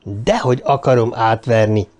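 A man reading an audiobook, voicing a frightened, pleading man lying in a sickbed, pitched well above his own voice. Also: a little mellow, lightly acted. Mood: anxious. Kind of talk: audiobook character voice.

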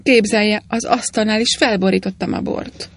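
A woman voicing a mild, clumsy old priest in a storybook reading, meek and fussy, with a husky tone. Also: medium pitch, steady tone.

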